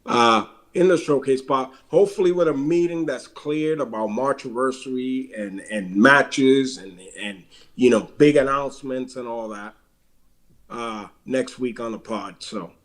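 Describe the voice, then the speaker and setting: A man from Puerto Rico with a Puerto Rican accent co-hosts a wrestling podcast, plugging upcoming shows with dates and web addresses. His mid-range voice stays unhurried through the casual chat, which is broken up by fillers.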